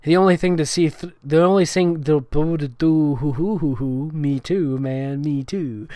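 On the high side and mellow, this male host reads fan fiction at a measured pace in a comedic dramatic style, adding sarcastic, nitpicking remarks and giggling. The audio has no echo.

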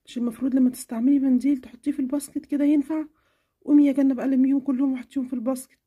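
A woman voicing a patient, caring mother in a children's cartoon, speaking gently and affectionately with an Egyptian accent, firm when she scolds. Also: medium pitch, fast, slightly rough, voice pushed down, close to an everyday voice. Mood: scolding. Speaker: cartoon character.

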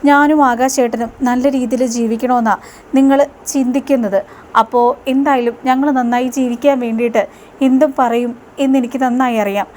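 A woman's voice: a little high, fairly even intonation, brisk, darkish tone, slight background noise, close to an everyday voice. A woman reading the lines of a tearful, pleading young wife in a plain retelling voice. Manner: earnest, plain retelling of her words.

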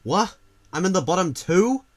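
A woman voicing a sulky, armless can contestant in a cartoon, in a lowered, grumbling voice. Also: normal speed. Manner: low, flat and grumbling.

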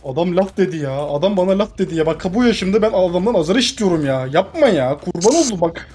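Excitable, exasperated woman gamer. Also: on the low side, fast, slightly rough. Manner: excitable, exasperated, shouts often. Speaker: gaming YouTuber. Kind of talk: casual gameplay chat.

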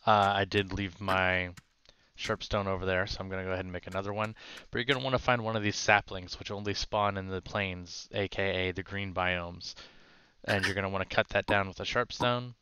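A man casually narrating a game tutorial, explaining step by step with filler uhs and quick self-corrections. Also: sits low, steady tone, bright, forceful tone, muffled recording, a little hiss or hum.

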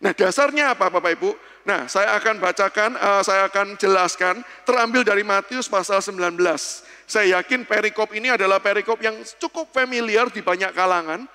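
Man in his thirties, pastor at a church seminar, lively storyteller, high bright voice, long hall reverb. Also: a little fast, clean tone.

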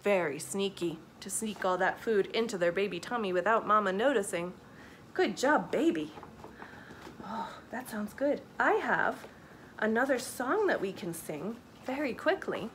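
A woman's voice: medium pitch, measured pace, a little hiss or hum. A woman, a children's librarian, reading a picture book aloud at storytime with gasps and questions for the kids. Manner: animated, gasping, asking children questions.

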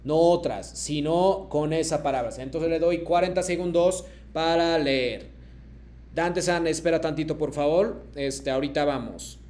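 A man runs an online language class over a video call, his voice sitting a little higher than most men's. He models each phrase slowly and patiently, then waits for students to repeat it. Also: darkish tone. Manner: patient, slow careful modeling of phrases for repetition. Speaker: Japanese teacher.

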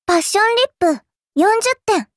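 This is an anime mobile game's small girl AI servant, her pitch very high and childlike. She's animated and a bit quick, offering sweet, courteous lines with a smug, prim, sizing-up edge, all in a dry recording free of room sound.

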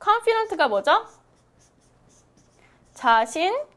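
Woman teacher, high voice, very animated, encouraging, slow model phrases. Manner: lively, encouraging, checks in with "right?" often; reads English phrases very slowly for repetition. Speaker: English interview teacher. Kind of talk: online English lesson.

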